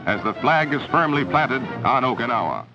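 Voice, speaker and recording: A man's voice: mid-range voice, sing-song, normal speed, loud music behind the voice. An American man delivering scripted 1940s newsreel narration in a grave, emphatic, declamatory way. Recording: dull 1940s newsreel soundtrack, loud battle noise.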